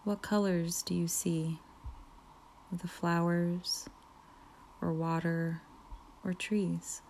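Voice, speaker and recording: A woman leading a guided relaxation meditation, speaking softly with frequent whispered phrases and long pauses. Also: lowish voice, little pitch movement, slight background noise. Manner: slow, soft, partly whispered, soothing pauses.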